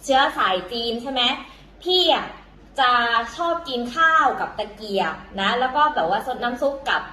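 A woman's voice: a little high, lively intonation, normal speed, bright, forceful tone, reverberant, rough recording. A woman teaching in a casual, chatty way, full of fillers and self-corrections, talking to viewers as younger siblings. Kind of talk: casual vlog-style lesson.

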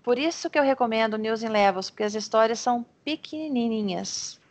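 A woman with a Brazilian Portuguese accent tutors a student over a video call, her voice a little higher than most. She talks in a friendly, encouraging flow, breaking off and restarting sentences as she explains her points. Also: fairly quick. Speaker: English teacher. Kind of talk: online tutoring lesson.

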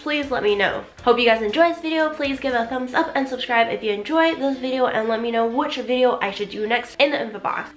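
A vlogger in her twenties talks casually to camera from a small bedroom, her medium-pitched voice half gone as she loses it. She's animated and chatty, gesturing a lot and filling her speech with lots of "like."

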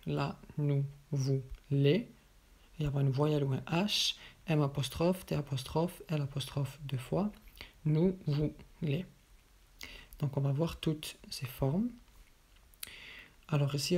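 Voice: medium pitch, darkish tone, slightly rough. A teacher giving a voice-over grammar lesson, working methodically through each example with a question and its answer. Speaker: French teacher.

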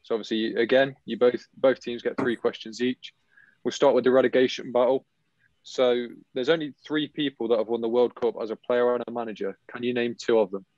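A British man hosting a football quiz, reading questions briskly with dry teasing. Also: mid-range voice, steady tone, darkish tone, dry recording, dull audio. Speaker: quizmaster.

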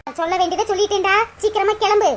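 A fretful mother from a cartoon, voiced by a performer, talking fast in an extremely high, squeaky voice. She nags and pleads with her grown son. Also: steady tone. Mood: nagging. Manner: pleading, nagging.

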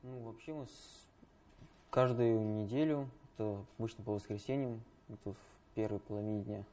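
Young man with a low, very dark and mellow voice. He answers questions in a panel discussion loosely and haltingly, with fillers. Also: steady tone. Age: young adult. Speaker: member of a student study circle.

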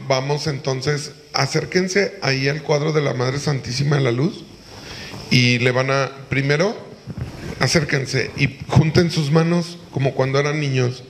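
A man's voice: medium pitch, fairly even intonation, unhurried, slight background noise. A middle-aged man with a Mexican accent, a priest leading a couple through a wedding mass in a large church, giving directions with light jokes. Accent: Mexican Spanish. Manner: directive, gently joking.

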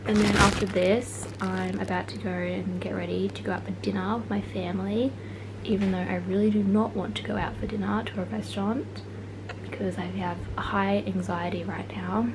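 A young woman talks low-key and softly to camera from her small bedroom, recorded through earbuds. Her tone is even and unhurried. A running fan gives a clear steady noise behind her voice. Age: young adult. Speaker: vlogger. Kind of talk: casual vlog talk to camera. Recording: fan noise in a home room.

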